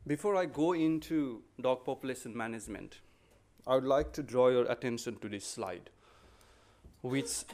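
A middle-aged man from Nepal gives a conference presentation at a podium microphone. His delivery is polite and a little halting, full of ums and restarts as he walks through his slides. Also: medium pitch, a little mellow, a little hiss or hum.

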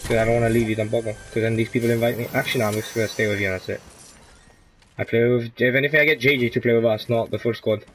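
A man banters loosely with his squad mid-match, calling out knocks and pushes in quick bursts. He sounds like his ordinary talking voice, at a middling pitch, and he drops bits of Spanish slang now and then. Music plays clearly underneath him. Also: fairly even intonation. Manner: loose, joking banter with teammates, quick callouts. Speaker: gamer streaming his play. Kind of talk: casual gaming chat.

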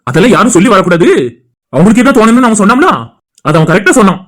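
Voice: mid-range voice, animated, very fast. A performer voicing young male friends bantering in a cartoon, casual and teasing, with a Tirunelveli Tamil accent. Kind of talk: cartoon voice acting.

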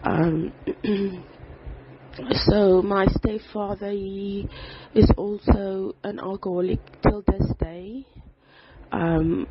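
A person recording a voice note on a phone, praying and then telling their life story in an earnest, halting way with pauses and fillers. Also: mid-range voice. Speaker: person giving a testimony. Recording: slightly dull voice note with faint background noise.

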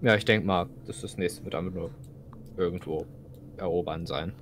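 A man's voice: low-pitched, fairly even intonation, moderate pace, soft background music. A young man playing a video game with a friend, thinking aloud and often repeating words as he searches for them. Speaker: gamer co-playing. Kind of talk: casual gaming chat.

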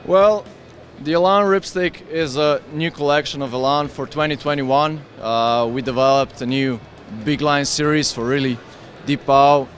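Eager man pitching skis at a trade fair. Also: fairly even intonation, normal speed, few pauses, soft background music. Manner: enthusiastic, explains with hand gestures. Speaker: ski brand representative. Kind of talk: trade fair product interview. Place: busy indoor trade fair hall. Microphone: handheld interviewer mic with windscreen.

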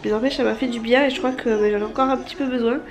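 In her apartment, a woman in her thirties, nasal from a cold, vlogs very fast to a handheld camera at arm's length, chatting casually about family with many fillers and restarts. Her voice is a little high with fairly even intonation.

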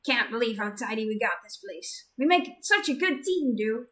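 A woman voicing a cheerful, bubbly young female tinkerer who talks loudly and eagerly. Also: medium pitch, fairly even intonation, moderate pace, natural voice. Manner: bright and loud, eager.

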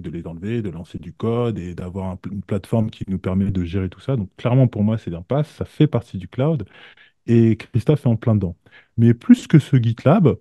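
A man's voice: on the low side, dark tone, no echo, muffled recording. A man hosting a podcast in casual chat, hesitant, with many fillers and repeated words. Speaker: podcast host.

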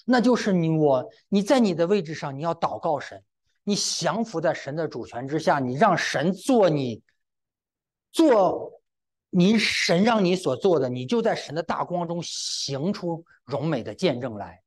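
A man's voice: fairly high pitch, lively intonation, a little slow. A middle-aged man preaching a sermon and telling a personal testimony. He speaks to the congregation directly and often breaks in with exclamations.

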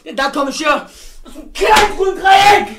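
A young man co-hosting a livestream, shouting and teasing his partner in rowdy banter. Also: very high-pitched, normal speed, creaky, reverberant, a little hiss or hum. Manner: loud, shouting and teasing, with swearing. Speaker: livestream co-host.

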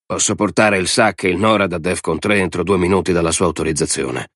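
A man's voice: low voice, fairly quick, a bit bright, slightly rough, no echo, studio quality. A man voicing a blunt, hawkish male general in an audiobook reading. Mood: urging. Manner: blunt, urging.

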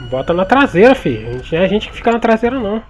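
A man's voice: sits high, sing-song, racing, darkish tone, slight background noise. A Brazilian man chatting casually and slangily while playing an online roleplay game, swearing now and then. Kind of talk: casual gamer chat.

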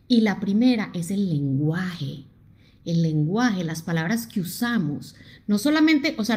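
A middle-aged woman from Colombia with a Colombian accent, hosting a live-streamed motivational talk, emphatic and addressing her viewers directly. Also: mid-range voice. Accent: Colombian Spanish. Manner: animated and emphatic, reads out viewer comments and talks to them directly.

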